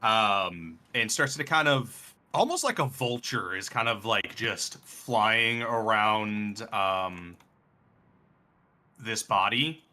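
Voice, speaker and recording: A man narrating a tabletop role-playing game as game master, unhurried and full of fillers. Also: lowish voice, pushed and bright.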